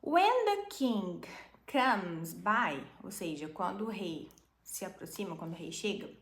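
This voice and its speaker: A woman with a Brazilian Portuguese accent teaching English from a storybook, patiently explaining and reading English phrases slowly and clearly. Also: mid-range voice, very animated. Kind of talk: language lesson reading a storybook. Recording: roomy echo.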